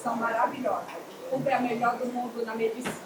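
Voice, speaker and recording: Effusive woman in a loud, echoey hall. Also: on the high side, flat delivery, quick pace, distant mic, heavy background noise. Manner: effusive, emphatic. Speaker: audience member. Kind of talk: short heartfelt statement.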